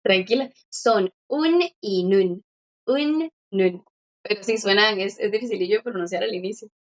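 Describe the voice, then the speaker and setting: A woman teaching a language class online, patiently explaining and slowly repeating words for her students. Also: medium pitch, highs cut off.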